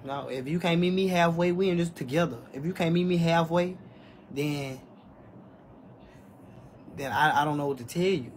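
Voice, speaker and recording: Holding his phone at arm's length in a small room, a man in his twenties talks casually to his live-stream audience, responding to chat in a candid, defensive manner. His voice is a little high and moves at normal speed with long pauses, and there's slight background noise.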